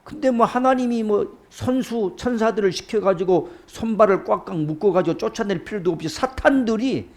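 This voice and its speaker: High-pitched guy preaching, animated, keeps checking in with the crowd. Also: normal speed, hardly any pauses. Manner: animated, rhetorical questions to listeners. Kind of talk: sermon.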